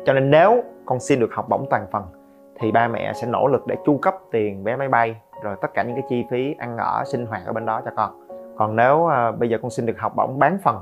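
Man hosting a podcast. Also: medium pitch. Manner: lively, joking asides to listeners. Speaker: podcast host. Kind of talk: podcast monologue on parenting. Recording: slightly dull, faint guitar music.

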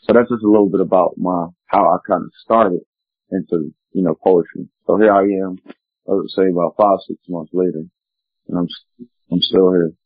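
A man's voice: sits low, steady tone, moderate pace, no room sound. A man telling his personal story as an interview guest, in an earnest, meandering, reflective way. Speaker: guest, spoken word poet. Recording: tinny phone-like line, dry.

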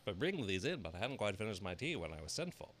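A man's voice: lowish voice, very animated, fast, fairly bright tone, slight background noise. A man voicing a nervous, rambling hatter who stammers in a trembling, raised voice.

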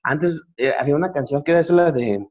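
Joking his way through stories as a show host, this middle-aged man with a Mexican Spanish accent keeps restarting mid-thought in relaxed conversation. His voice leans high, quick and a little mellow, on dull-sounding audio.

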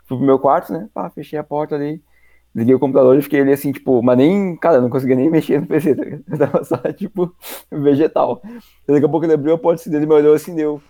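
A man's voice: on the high side, very fast, warm tone, dry recording. A young man telling a story in a slangy, rambling way full of fillers on a casual podcast.

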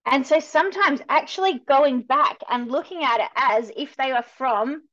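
Woman guest dog trainer, high pitch, eager and affirming; dull lo-fi remote audio. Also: a bit bright. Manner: eager and affirming, quick agreements. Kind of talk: casual conversational chat.

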